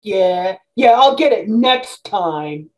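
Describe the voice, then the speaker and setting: A woman's voice: medium pitch, lively intonation, slow pace, darkish tone, low-quality recording. A woman playing a sly male convict underling with a wheedling, whiny manner.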